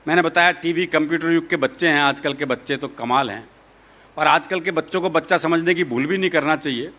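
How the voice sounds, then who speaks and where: Bright high-voiced male comic storyteller. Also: brisk. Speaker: comic poet performing. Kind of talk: live comic storytelling with quoted dialogue.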